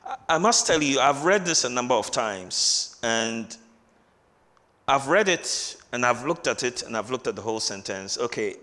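A man preaching in a church hall, his bright, forceful voice carrying with a long reverb around it. He hammers key words by repeating them and slows right down when reading scripture aloud. The delivery is a sermon, earnest and emphatic. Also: mid-range voice. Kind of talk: Christmas sermon.

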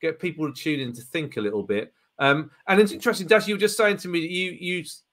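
A man hosting a live church chat show, talking loosely with plenty of fillers and laughs. His voice sits a touch high and sounds crisp and bright. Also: fast talker. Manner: chatty and upbeat, laughs easily, fillers. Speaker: podcast co-host. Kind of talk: casual live-stream chat.

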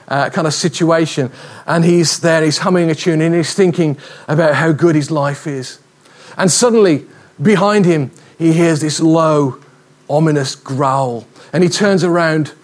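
A man preaching a sermon in a lively, humorous, conversational way, telling stories. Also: a little high. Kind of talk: sermon with storytelling.

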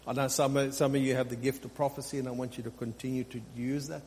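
A man with a medium-pitched, somewhat dark voice talks quickly and in a level tone, preaching to his congregation as a pastor. He teaches off the cuff, exhorting listeners and repeating phrases for emphasis. The live sermon is captured in a large, echoing hall with faint hum and noise.

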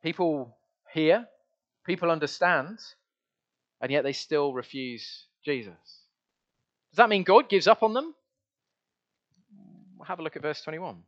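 Earnest preacher, muffled recording. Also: male voice, medium pitch, a bit bright. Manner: earnest, conversational, with many restarts. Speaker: pastor. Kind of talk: sermon. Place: church.

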